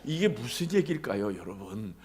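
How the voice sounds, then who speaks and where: A male pastor preaching a sermon, dramatic, moving from loud calls to near-whispers. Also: on the low side, sing-song, moderate pace.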